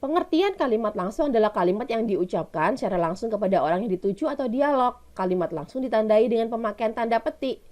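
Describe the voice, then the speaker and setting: A woman's voice: a little high, animated, fast, hardly any pauses, darkish tone. A woman teacher with an Indonesian accent giving a recorded lesson, explaining step by step and asking her pupils questions she answers herself.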